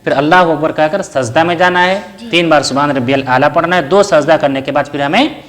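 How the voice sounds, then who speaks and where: A religious teacher walks through a lesson step by step in a patient manner, posing questions and answering them himself while reciting short Arabic prayer phrases. His voice is a little high and fairly bright, and he speaks a little fast.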